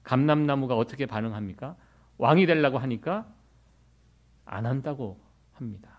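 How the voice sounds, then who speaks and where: Animated middle-aged Korean-born male pastor. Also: medium pitch, normal speed. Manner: lively, conversational preaching with rhetorical questions. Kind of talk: sermon.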